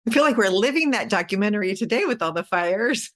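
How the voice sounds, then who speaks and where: A woman co-hosting a podcast, speaking in a medium-pitched voice. She asks measured, reflective follow-up questions. Her delivery is calm and thoughtful. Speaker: podcast co-host.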